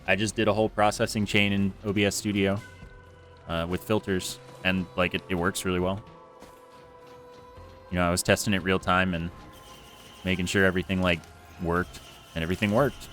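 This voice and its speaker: At home, a man streams a game and chats casually into a close desk mic with a foam screen while an air conditioner runs in the room. His voice sits low with little pitch movement and a slightly bright tone, and he talks at a moderate pace with long pauses, rambling and self-deprecating with lots of fillers. Faint music plays behind him.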